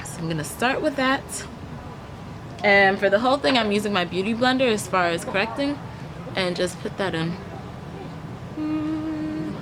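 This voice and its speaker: A woman's voice: mid-range voice, lively intonation, a little fast. Young woman vlogging outdoors, noisy background. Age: young adult. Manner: chatty, explains step by step while applying makeup. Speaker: beauty vlogger giving a makeup tutorial. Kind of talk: casual vlog tutorial, talking to camera. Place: backyard outdoors, leafy garden. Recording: noisy outdoor ambience, traffic hum. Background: outdoor ambient noise.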